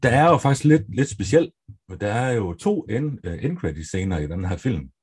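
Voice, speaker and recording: A Danish man co-hosting a casual podcast, upbeat and quick to egg on his co-host. His voice is low and a bit husky, and his pitch swings widely as he talks. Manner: upbeat, lively, laughs easily, eggs on his co-host.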